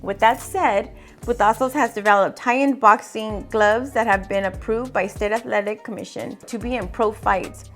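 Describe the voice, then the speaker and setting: A woman's voice: medium pitch, moderate pace. A woman reading scripted sponsor announcements as a podcast ad narrator. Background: music.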